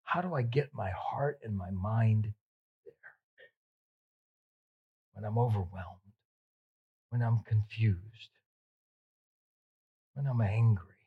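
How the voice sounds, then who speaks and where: A male pastor preaching at an unhurried, deliberate pace. His voice carries a husky edge as he rises to emphatic peaks and drops to near-hushed tones, repeating words to drive them home. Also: fairly low pitch, phone-quality sound. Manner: swings between loud emphatic peaks and soft, hushed drops. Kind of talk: sermon.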